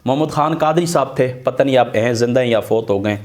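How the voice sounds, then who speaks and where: Earnest middle-aged man telling stories. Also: mid-range voice. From Pakistan, Attock area. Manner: earnest, animated storyteller who swears oaths to his truthfulness. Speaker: Islamic religious scholar. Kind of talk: casual storytelling talk.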